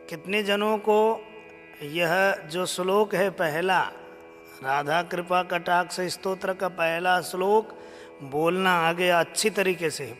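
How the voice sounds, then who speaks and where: A man with a high voice leads a slow lesson in chanting a devotional hymn. He sings each line and then gently urges listeners to repeat it. A long reverb and faint music hang behind him. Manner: chants verses slowly, then coaxes viewers to repeat. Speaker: stotra recitation teacher. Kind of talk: live stream chanting lesson.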